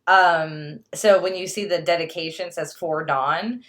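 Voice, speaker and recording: A woman's voice: lowish voice, fairly even intonation, unhurried, a bit bright. A woman co-hosting a casual movie podcast, chatty and giggly, reading out film credits. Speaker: podcast co-host.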